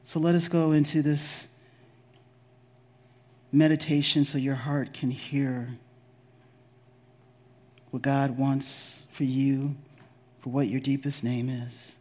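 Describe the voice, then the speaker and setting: Slow, mellow man guiding a meditation. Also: medium pitch, flat delivery. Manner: slow, deliberate, soothing, with long pauses; affirming, gently instructive. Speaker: spiritual leader guiding a meditation. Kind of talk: guided meditation.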